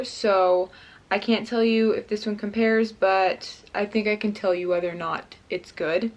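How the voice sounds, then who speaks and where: A young woman talks straight to her viewers while hosting a food vlog. Her chat is casual and upbeat, with a slightly nervous edge. She sits at an average pitch. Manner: chatty, upbeat and a little nervous. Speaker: mukbang vlogger.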